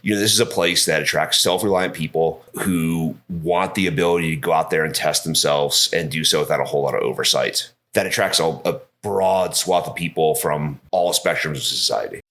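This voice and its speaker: A man talking as a podcast guest, articulate and animated as he tells stories. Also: very deep voice, fairly quick, hardly any pauses. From born in Georgia, grew up mostly in England. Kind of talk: conversational interview.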